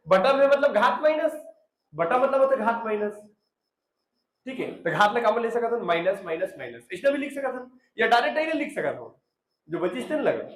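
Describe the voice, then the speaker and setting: A man's voice: very high voice, reverberant. A man teaching a chemistry class, repeating answers and prompting his students. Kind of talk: classroom lecture.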